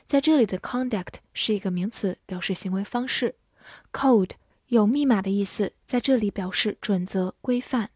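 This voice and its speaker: A woman giving a scripted vocabulary lesson, spelling out letters and repeating each word slowly. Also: medium pitch, a little mellow, breathy edge, no echo, clean studio sound. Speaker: English teacher.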